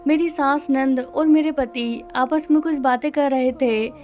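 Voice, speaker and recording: A woman reading a scripted first-person story in a steady, measured way. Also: high-pitched.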